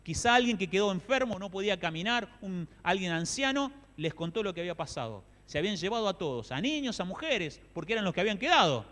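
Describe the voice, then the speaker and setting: A male Argentine preacher delivers a sermon with a high, very lively voice. He drops to near whispers and then rises to loud, pleading outbursts. The sound carries a long echo from the church hall. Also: fast, few pauses. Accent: Argentine Spanish. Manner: impassioned, swings from hushed to loud and pleading. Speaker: pastor.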